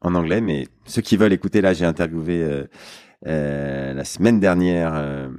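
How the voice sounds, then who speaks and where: Low-voiced hesitant podcast host. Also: male voice, moderate pace, a little mellow, smooth, no room sound, studio quality. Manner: hesitant, many fillers and restarts. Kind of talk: casual interview.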